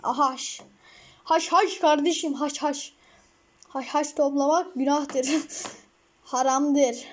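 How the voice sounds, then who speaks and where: A woman giving casual gameplay commentary, excitable and rambling, with frequent outbursts. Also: sits high, slow pace, long pauses. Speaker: mobile gamer.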